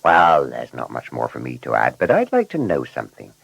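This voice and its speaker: A man narrating a children's story in an animated, scripted storytelling manner. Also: very deep voice, fairly quick, creaky, breathy edge, no room sound, poor audio.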